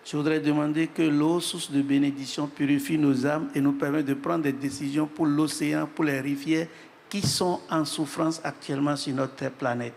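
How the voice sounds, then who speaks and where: A man speaking as a panelist in measured, solemn remarks, pausing for his interpreter. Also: on the high side, fairly even intonation, vocal fry, a little mellow. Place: large hall at an event. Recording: reverberant hall, faint noise.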